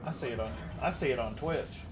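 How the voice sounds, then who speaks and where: A man's voice: medium pitch, fairly quick. A man chatting casually while streaming a game, with jokey, informal reactions. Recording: loud background noise.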